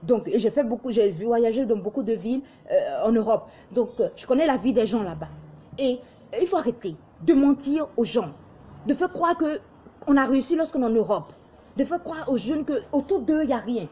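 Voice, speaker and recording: A young online commentator from Ivory Coast, lightly accented in Ivorian French, gives an impassioned lecture to camera, exhorting her audience and mimicking others in quoted asides. Her fairly high, husky voice is animated and at normal speed, and the highs are cut off.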